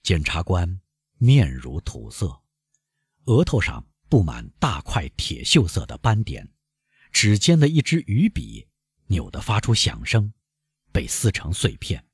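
A man narrating a classic novel as an audiobook, measured and expressive. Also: sits low, slightly rough, no room sound, clean studio sound. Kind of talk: slow scripted narration.

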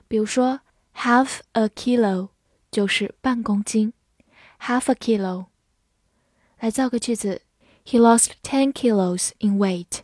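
A woman teaching English vocabulary, spelling words letter by letter and reading example sentences slowly. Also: mid-range voice, a little mellow, slightly rough, no echo, clean studio sound.

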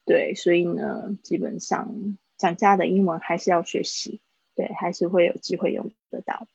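A woman teaching English words in a live online lesson. She explains slowly and repeats each word for pronunciation. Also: fairly low pitch, level tone, gravelly, darkish tone, slightly rough, dry recording. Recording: dull, dry livestream audio.

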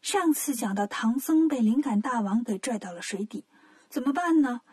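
Breathy, fairly high-voiced woman storyteller. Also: expressive, normal speed, a little mellow. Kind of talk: children's storytelling.

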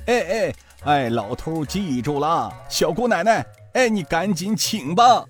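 A man's voice: a little high, expressive, unhurried, soft background music, voice pushed up. A man voicing a comic old male master thief who grumbles and pleads in a wheedling whine. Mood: pleading.

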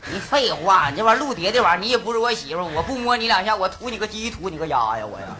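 A man's voice: high voice, very animated, very fast, a crowd in the background. A man with a Northeastern Chinese accent performing folk opera, trading crude jokes and wailing sung pleas. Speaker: errenzhuan stage performer. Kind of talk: folk opera singing and bawdy comic banter. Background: loud folk instrumental music.

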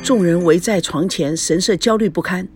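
A narrator giving a steady, expressive scripted reading of a family drama story. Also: medium pitch, moderate pace, music in the background.

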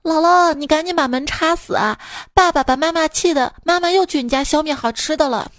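Woman doing a bossy, cheeky little girl, high and pert. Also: fairly quick, fairly bright tone. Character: cheeky little girl scolding her parents.

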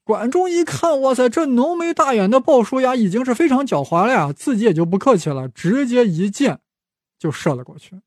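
A man's voice: very high-pitched, expressive, a little fast, dry recording, studio quality. A man hosting a podcast, telling history as a casual, playful story with chatty asides to the listener. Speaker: podcast host.

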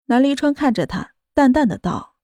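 A woman narrating a romance audiobook in a smooth, steady storytelling manner. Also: sits high, moderate pace, no room sound.

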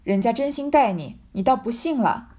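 A woman voicing a proud young man who calmly masks his anger while setting a trap. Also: a little high, moderate pace, natural voice. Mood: coolly scheming.

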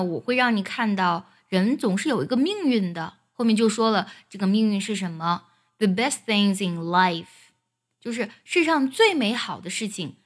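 Woman teaching a song, singing demo lines. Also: medium pitch. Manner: explains pronunciation, then sings demo phrases. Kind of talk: song lesson, explaining then singing lines slowly.

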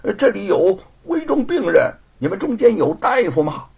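A man voicing a blunt, hot-tempered strong man in a storytelling performance, with a gruff, shouting manner. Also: high-pitched, big pitch swings, moderate pace, pitched above the performer's own voice, exaggerated voice. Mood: bold.

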